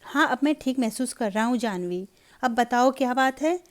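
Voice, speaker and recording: Woman reading a calm young husband. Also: fairly high pitch, normal speed, natural voice.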